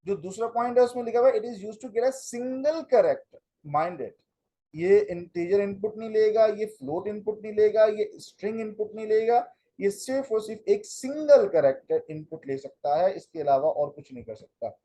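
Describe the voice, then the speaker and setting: Man, computer teacher, lecture style, high pitch, dark warm tone. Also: moderate pace, slight background noise, poor audio. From Pakistan. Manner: explains step by step, mixing in English phrases. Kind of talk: classroom lecture with live coding.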